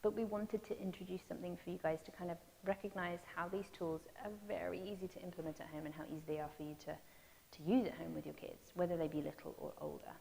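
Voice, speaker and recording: Gentle woman guiding mindfulness, gravelly. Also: on the low side, steady tone, fast talker, hardly any pauses. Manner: gentle, encouraging, leading exercises with soft breathy cues. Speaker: mindfulness instructor for parents. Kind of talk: guided mindfulness exercises. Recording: long reverb with faint hiss.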